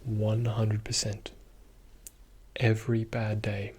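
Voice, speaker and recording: A man giving a soothing, reassuring ASMR pep talk in a soft-spoken, often whispered voice, slow and deliberate. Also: lowish voice, monotone, a little hiss or hum. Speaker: ASMR video host.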